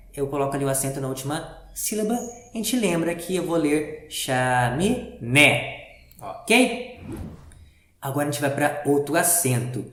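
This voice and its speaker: A man teaching a reading lesson to young pupils, explaining patiently step by step and asking the class questions. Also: on the high side. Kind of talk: primary school reading lesson. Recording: roomy echo.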